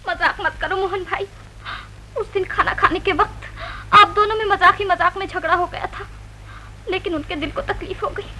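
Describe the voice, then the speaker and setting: An actress playing a wronged young wife, tearful but proud, in earnest 1940s film acting. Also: female voice, extremely high pitch, steady tone, normal speed, bright, forceful tone, a little hiss or hum, low-quality recording. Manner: earnest, pleading.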